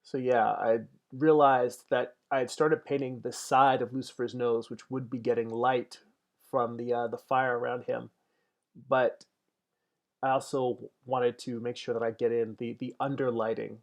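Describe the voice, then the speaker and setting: Unhurried and medium-pitched, with little movement in his pitch, this gravelly, creaky-voiced man in his forties livestreams his digital painting. He muses out loud while working and answers his viewers' comments in a chatty, relaxed way.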